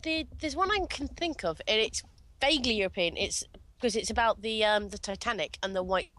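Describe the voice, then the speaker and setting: A woman's voice: medium pitch, animated, fairly quick, fairly bright tone. A woman with a cold talking on a headset, telling a story in a rambling, self-correcting way during a casual online chat. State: has a cold. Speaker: podcast co-host.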